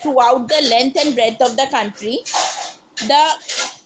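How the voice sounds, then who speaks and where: This course counsellor, speaking with an Indian English accent, delivers a slow, steady online lecture in a high voice. She is heard through a video call microphone, with a noisy background behind her.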